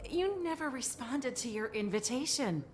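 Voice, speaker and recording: A woman's voice: sits high, lively intonation, normal speed, a little hiss or hum. An actress playing a gracious, welcoming noblewoman adventurer in a video game, polite and cordial.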